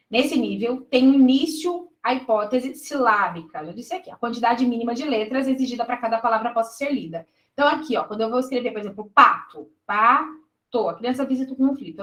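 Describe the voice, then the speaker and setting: In a live online exam-prep lesson, a woman with a Brazilian Portuguese accent reviews exam questions, working through answer choices step by step. Her voice is a little high and a bit bright, set against noticeable room echo, and she explains carefully while often checking in with students.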